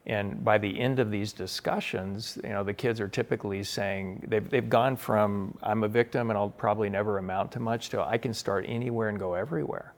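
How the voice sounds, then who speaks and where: An earnest middle-aged man speaks in a low, gravelly voice, answering an interviewer. He talks with enthusiasm and often restarts his sentences as he goes. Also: steady tone, a little fast, few pauses. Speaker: author and guest.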